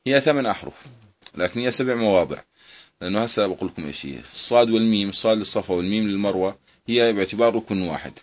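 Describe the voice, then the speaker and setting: Brief: deep-voiced male teacher, reads a text then explains it briskly, on a dull lo-fi recording. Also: animated. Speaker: Islamic jurisprudence teacher. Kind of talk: classroom lecture explaining a legal text.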